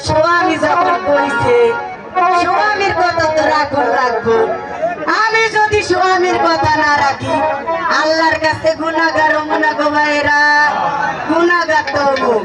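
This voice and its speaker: A hammy, theatrical village widow delivers a folk-stage monologue in a rural Bangladeshi dialect. The voice is extremely high and plaintive with a cheeky edge. It echoes from a distant mic outdoors, with loud music and crowd noise around it. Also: male voice. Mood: coy, teasing. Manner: hammy, theatrical, drawn-out rhetorical appeals.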